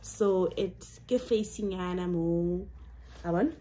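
Here her voice is fairly low and slow, though she stays chatty and eager as she walks through her purchases indoors in her bedroom. The young South African code-switches between English and Setswana, and the background noise is heavy.

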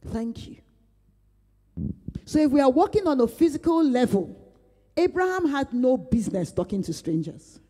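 Woman pastor with a warm, mellow tone leading an informal Bible study, earnest and emphatic, heard in a church hall with a long echo. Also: sits high, very animated, normal speed, pauses often. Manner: earnest, emphatic repetition, retells her prayers. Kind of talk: conversational Bible study teaching.

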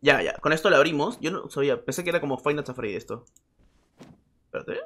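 A man commenting casually on a game he is playing, excitable, repeating words in quick bursts and yelling when startled. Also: a little high. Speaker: gaming streamer.

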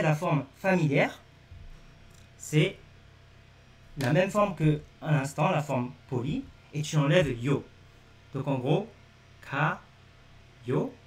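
Teacher, man, higher-pitched, patient step-by-step explainer on a livestream, sits back from the mic. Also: recorded from a distance. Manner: repetitive step-by-step explaining, addresses viewers directly. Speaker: language teacher. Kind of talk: live-streamed lesson. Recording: echoey room, speaking away from the mic.

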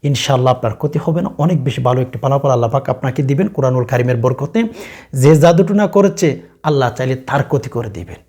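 A man with a Bangladeshi Bengali accent teaching a religious practice to viewers, speaking directly to them and reciting verses slowly and drawn out. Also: medium pitch, dark tone.

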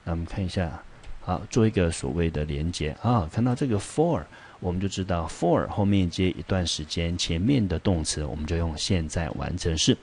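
A man's voice: low voice, lively intonation, moderate pace, darkish tone, slight background noise. A male English teacher gives a vocabulary lesson, patiently explaining and asking the class rhetorical questions as he reads English example sentences.

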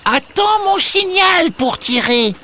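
A woman voicing a small, clever, self-assured female tortoise in a storybook, calm and polite. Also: extremely high pitch, slow pace, a little hiss or hum, full character voice. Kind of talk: storybook voice acting.

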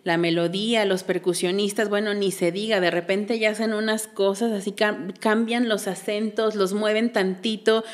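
A woman's voice: medium pitch, fairly even intonation, normal speed, few pauses. A woman, a belly dance teacher, explaining patiently in a casual interview and counting beats aloud.

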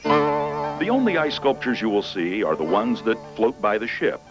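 A man giving scripted promotional narration for a cruise, with a smooth, inviting delivery. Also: mid-range voice, lively intonation, normal speed, music in the background, rough recording.

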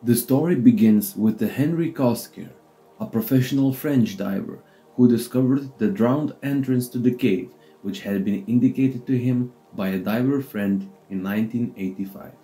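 A man narrating a documentary script in a steady, measured way, with slightly non-native phrasing. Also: medium pitch, rough recording.

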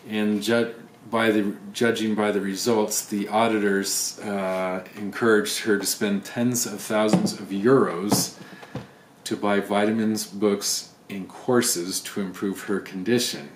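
Taking it slowly, a video creator with a lowish, steady voice offers casual commentary while unboxing items on camera. He thinks aloud and adds wry asides, with roomy echo and faint background noise in the recording.

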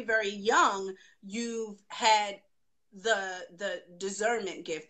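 A woman's voice: mid-range voice, pushed and bright. A woman hosting a faith interview show, affirming her guest and asking long, reflective questions. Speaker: host.

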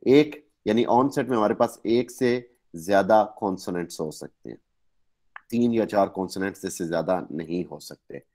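A man's voice: sits low, darkish tone. A man with a Pakistani accent giving an online lecture, explaining step by step and correcting his own slips. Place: online class.

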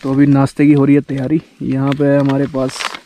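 A man's voice: medium pitch, monotone, moderate pace, noisy background. A young man in his twenties vlogging from a forest campsite, talking casually with lots of fillers as he shows viewers around. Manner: chatty, filler-heavy, guiding viewers around. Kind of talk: casual travel vlog. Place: outdoors in a pine forest campsite. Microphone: action camera held at arm's length.

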